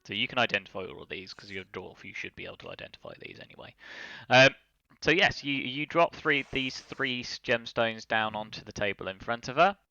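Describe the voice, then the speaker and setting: A man's voice: mid-range voice, big pitch swings, brisk, gravelly, sharp tone, highs cut off. A man narrating as game master, rambling with many fillers and lookups.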